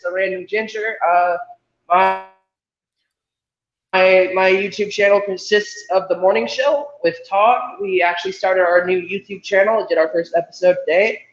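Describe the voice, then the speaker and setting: A man's voice: high voice, fairly even intonation, moderate pace. A man in his twenties on a video call from a hotel, self-deprecating and rambling, his voice echoing as if he were inside a well. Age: 20s. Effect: echoey sound as if inside a well. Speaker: livestream guest. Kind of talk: casual chat. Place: hotel room on weak Wi-Fi. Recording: echoey, dull lo-fi call audio.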